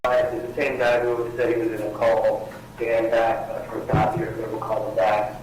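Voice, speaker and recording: A man talking from jail on a prison phone call, rambling and halting with lots of fillers. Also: fairly low pitch, completely flat delivery. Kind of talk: casual phone conversation. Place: jail cell. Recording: distant echoey jail phone line with faint noise.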